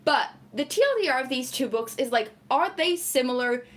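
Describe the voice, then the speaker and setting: She's a young woman from Portugal, speaking English as a non-native, casually chatting on a stream while she reads comments and laughs often. Her voice is high-pitched and animated, at a moderate pace, and her talk is chatty and full of "like."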